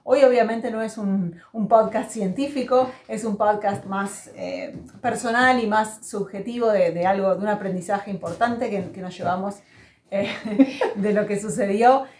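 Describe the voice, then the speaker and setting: A woman hosts a casual podcast, chatty and earnest as she tells a story. Her voice sits at an ordinary middle pitch. It is recorded in an echoey room at home. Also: measured pace, a little mellow, slight background noise. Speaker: podcast host.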